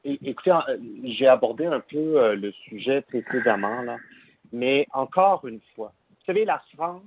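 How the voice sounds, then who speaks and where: A man speaking as a guest on a radio talk show, measured and pausing with fillers. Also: medium pitch, animated, phone-quality sound, noisy background. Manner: deliberate, hesitant with fillers. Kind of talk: radio discussion.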